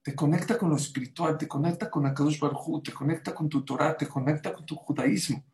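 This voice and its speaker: A man, a rabbi telling lively anecdotes in a panel talk. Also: on the high side, background noise. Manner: lively anecdotal storyteller, quick asides.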